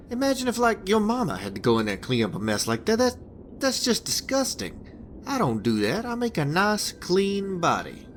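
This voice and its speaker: A man plays a crude-mouthed hitman boss from a wasteland video game, handing out a hit job while rambling, stammering, and restarting his sentences. His voice is slightly high for a man and swings widely in pitch. Faint noise sits in the background.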